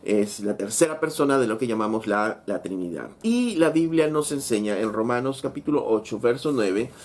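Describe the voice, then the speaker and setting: A man's voice: mid-range voice, sing-song. Man preaching with rhetorical questions. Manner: measured preaching, reading scripture aloud, frequent rhetorical "¿no?". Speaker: pastor. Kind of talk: sermon.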